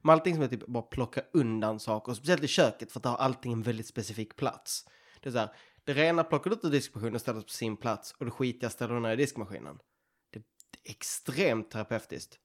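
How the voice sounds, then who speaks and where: Animated young man chatting. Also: mid-range voice. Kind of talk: casual chat.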